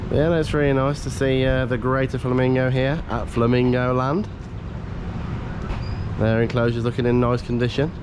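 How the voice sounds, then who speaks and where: Male vlogger, mid-pitched, casual and appreciative running commentary, recorded outside with clear background noise. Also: level tone, normal speed. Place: outdoors at a theme park zoo. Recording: noisy outdoor recording with vehicle sounds. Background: loud outdoor ambience.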